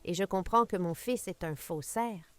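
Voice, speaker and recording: A woman voicing an elderly matriarch who speaks hoarsely, in a cold, commanding tone, articulating every syllable. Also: mid-range voice, measured pace, soft background music, close to an everyday voice. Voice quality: hoarse, gravelly.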